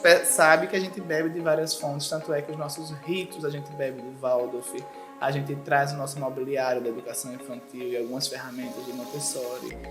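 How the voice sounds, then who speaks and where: Speaking briskly in an extremely low, level voice, a school coordinator from Sergipe, Brazil, gives earnest explanations as an interview guest. She acts out parents' remarks, and the echoey room has music playing behind her.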